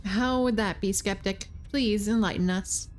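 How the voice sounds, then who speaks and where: A woman's voice: medium pitch, unhurried, soft background music. A woman giving casual live commentary as she streams a game.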